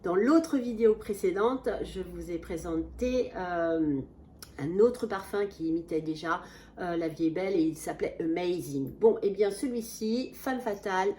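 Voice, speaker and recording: A woman's voice: lowish voice, moderate pace, warm tone, slight background noise. A woman chatting casually to her viewers in a product review vlog, enthusiastic and full of fillers and restarts, seated at a small table. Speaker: beauty vlogger. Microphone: camera mic at a small table.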